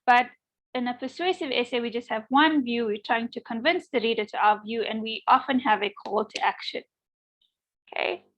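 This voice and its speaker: A woman's voice: on the high side, moderate pace, low-quality recording. A woman lecturer giving an online class, encouraging students and often checking in with "okay?".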